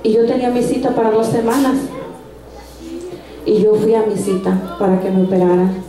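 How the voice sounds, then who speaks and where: A woman's voice: medium pitch, flat delivery, normal speed, warm tone. Earnest woman testifying in an echoey hall. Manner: earnest storytelling with frequent restarts. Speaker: church member giving a testimony. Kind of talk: personal faith testimony in Spanish. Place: church service hall. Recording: echoey room sound.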